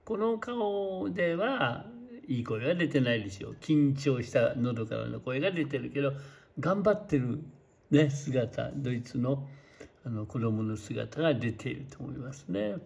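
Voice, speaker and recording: Gravelly older man teaching singers. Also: mid-range voice, lively intonation, unhurried, a little mellow. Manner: rambling, explanatory, models German words aloud. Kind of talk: casual spoken lesson. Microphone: studio mic with pop filter.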